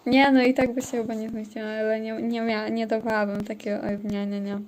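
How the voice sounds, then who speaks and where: A woman's voice: a little high, level tone, brisk, a little mellow, a little hiss or hum. A woman streaming a game, chatting casually with her viewers and teammates as she plays. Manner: chatty, talks to chat and teammates. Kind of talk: casual livestream chat while gaming.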